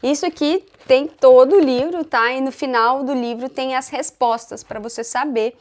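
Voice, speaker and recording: A Brazilian woman vlogging casually to camera in a chatty manner, tagging her sentences with quick questions to the viewer. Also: high voice, fairly even intonation, darkish tone. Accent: Brazilian Portuguese. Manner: chatty, frequent tag questions. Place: living in England.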